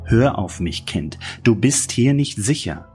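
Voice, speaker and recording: A man's voice: lowish voice, animated, a little slow, dark tone, soft background music. A man voicing a stern, insistent senator who worries about his grown daughter, in an audiobook. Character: older male senator, stern worried father.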